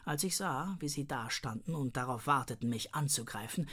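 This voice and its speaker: A woman reading a children's story aloud in the first person, lively and expressive. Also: extremely low pitch, moderate pace, husky. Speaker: audiobook reader.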